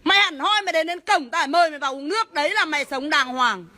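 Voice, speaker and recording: A woman, a homeowner shouting and swearing as she scolds police officers at her gate. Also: high voice, lively intonation, quick pace. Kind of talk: heated real-life argument.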